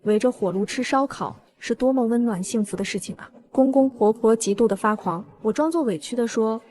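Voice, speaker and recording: A woman's voice: on the high side, a little fast, a little mellow. A woman narrating a first-person revenge story in a cool, smug way.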